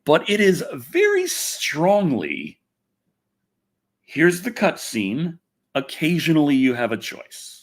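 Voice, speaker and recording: Taking his time, a man with a slightly high voice hosts a casual livestream covering gaming and movie news. He talks in a rambling, animated way, cutting himself off again and again.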